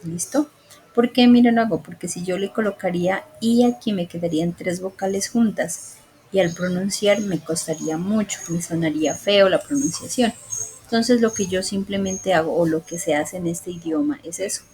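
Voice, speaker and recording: A woman teacher with a fairly low voice goes over grammar rules slowly. She is patient and checks in often with her students. A faint hiss of background noise sits under her voice. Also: mellow, rough recording. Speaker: English teacher.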